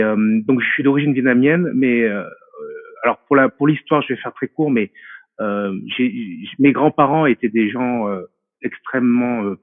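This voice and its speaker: A man's voice: mid-range voice, no room sound. A man in his forties answers questions from afar, his voice thin and phone-like on a dry, close line. He thinks aloud, stumbling over fillers and repeating words as he gropes for the right phrase. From France. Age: 40s. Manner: hesitant and reflective, many fillers and restarts. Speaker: guest. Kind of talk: casual interview talk. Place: remote call from a mountain home.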